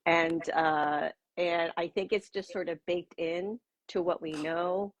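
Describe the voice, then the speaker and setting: A woman's voice: on the low side, fairly even intonation, takes it slowly, a little hiss or hum. A woman in her sixties talking casually as an interview guest on a video call, chatty and loose with fillers. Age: 60s. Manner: chatty, with frequent fillers and laughs. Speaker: guest, pro-age blogger.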